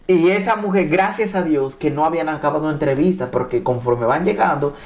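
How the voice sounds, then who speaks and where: This is a man from Mexico, a native Spanish speaker, telling his own immigration story as a testimony. His voice sits a little high for a man. He keeps circling back and restarting his phrases as he goes. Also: brisk. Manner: repeats and restarts phrases, acts out quoted dialogue. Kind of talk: animated personal testimony.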